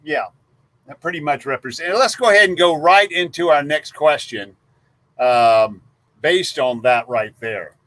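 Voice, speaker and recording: A man's voice: on the high side, unhurried, pushed and bright, no room sound. A man co-hosting a casual live stream, folksy and chatty, rattling off viewer guesses. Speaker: livestream co-host.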